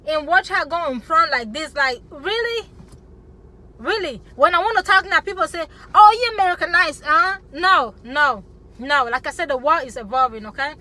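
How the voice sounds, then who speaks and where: Woman from Africa, bright and sharp voice, fired-up opinion vlog, keeps asking "okay?". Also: high-pitched, lively intonation, normal speed. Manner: passionate, emphatic, keeps adding "okay?". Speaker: vlogger. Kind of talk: opinionated talk to camera.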